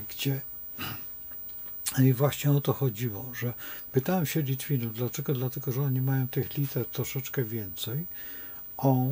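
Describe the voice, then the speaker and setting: A man's voice: mid-range voice, dark tone, slightly rough. A man speaking as an astrologer in an unscripted monologue, rambling and digressive as he tells stories.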